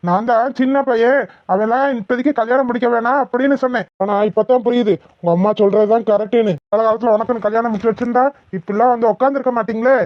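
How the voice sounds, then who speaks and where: A woman's voice: fairly high pitch, steady tone, fast, no echo, dull audio, natural voice. A woman voicing a stern, scolding middle-aged village father in a cartoon, with a Thoothukudi Tamil accent. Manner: scolding, exasperated. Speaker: voice actor in a cartoon. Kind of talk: cartoon voice acting.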